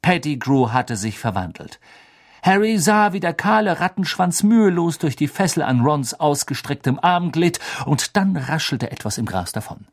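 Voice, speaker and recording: A man narrating an audiobook in a dramatic, expressive storytelling manner. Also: on the high side, normal speed.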